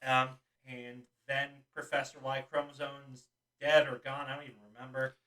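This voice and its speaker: Casting: young male podcast co-host, bright and chatty, a bit distant from the mic. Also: medium pitch, flat delivery, normal speed. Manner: chatty, recapping with frequent ums and laughs. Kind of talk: casual chat.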